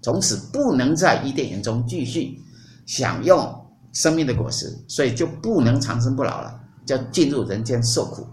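A man's voice: mid-range voice, lively intonation, normal speed, a little mellow, echoey room, a little hiss or hum, close to an everyday voice. A man playing a stern punishing god. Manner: stern, pronouncing judgment.

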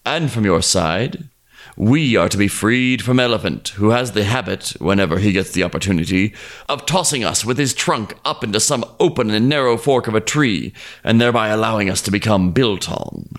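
Sly old crocodile in a storybook, read by a man; low, persuasive, measured. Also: lightly acted. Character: scheming old male crocodile, smooth-talking.

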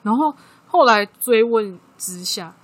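Husky Taiwanese woman telling a story. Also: on the high side, slow pace. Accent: Taiwanese Mandarin. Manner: lively storytelling, acting out quoted dialogue. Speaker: podcast co-host. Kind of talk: casual chat.

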